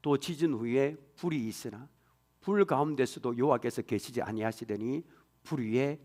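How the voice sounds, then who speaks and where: A pastor preaching a sermon in a church, swinging from hushed whispers to loud exclamations. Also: male voice, medium pitch, moderate pace.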